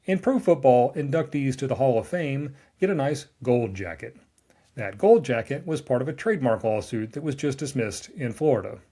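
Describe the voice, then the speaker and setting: A man's voice: medium pitch, big pitch swings, normal speed, mellow. A man, a lawyer reading a scripted explainer with wry, dry asides. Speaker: trademark lawyer recapping a newsletter.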